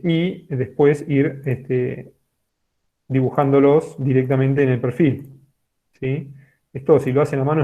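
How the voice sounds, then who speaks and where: A man talks a geology class through a drawing, stopping again and again to check that the students follow. His voice sits at an ordinary pitch. It comes through a narrow, phone-like video call line. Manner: explanatory, keeps checking in with a questioning "sí". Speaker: geology teacher. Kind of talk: online class lecture. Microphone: computer microphone on a video call. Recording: tinny phone-like online call audio.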